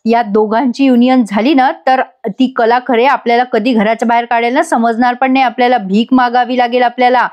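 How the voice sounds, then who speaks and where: A woman's voice: a little high, steady tone, brisk, hardly any pauses, darkish tone, highs cut off, lightly acted. A woman voicing a scheming, scolding middle-aged mother in a TV serial recap, with a harsh manner.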